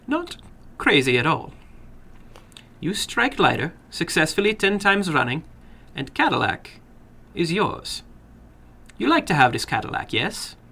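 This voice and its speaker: For a horror story, a man plays a funny, sinister little foreign gambler in a full character voice: raised pitch, soft and toneless, creaky and slightly rough, very animated. He speaks slowly and courteously in broken English with a foreign accent, coaxing in a smoothly persuasive, slyly menacing way.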